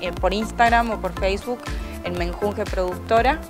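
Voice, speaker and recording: A young woman with an Argentine accent talks casually into a handheld mic outdoors, hesitating with fillers and laughing often. Music plays clearly beneath her voice. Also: medium pitch, normal speed. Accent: Argentine Spanish. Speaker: guest actress and playwright. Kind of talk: casual TV interview. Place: outdoors by a plant wall.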